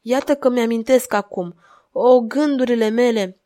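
A woman's voice: fairly high pitch, dark tone, voice pushed up, close to an everyday voice. A woman reading aloud and voicing a fragile, grieving madwoman with a pleading, tremulous way of speaking. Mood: anguished.

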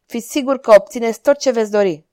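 A woman's voice: a little high, darkish tone, dry recording, clean studio sound, close to an everyday voice. A woman voicing a scheming male court jester who talks in a sly, teasing way. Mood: mocking.

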